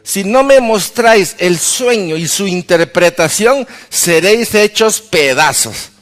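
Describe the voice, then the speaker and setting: A man's voice: high voice, expressive, takes it slowly, fairly bright tone, soft background music, heavily acted. A man playing an angry, impatient ancient king who scolds and threatens his advisers, in a sermon. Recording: reverberant church hall.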